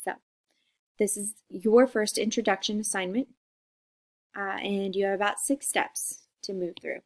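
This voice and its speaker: A woman's voice: medium pitch, fairly even intonation, a little slow. Chatty woman teacher from Costa Rica. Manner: friendly, chatty, checks in with "okay?". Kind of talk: recorded class introduction video.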